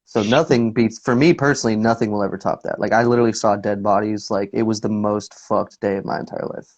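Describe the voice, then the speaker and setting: A man's voice: fairly low pitch, fairly even intonation, fast, darkish tone, dull audio. A man in his twenties, a guest musician telling stories in a rambling, laid-back way full of fillers. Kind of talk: casual interview chat.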